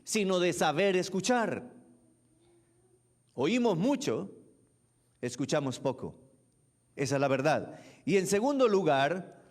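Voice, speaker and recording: A man preaching a sermon as pastor, repeating key phrases and putting questions to the congregation. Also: high voice.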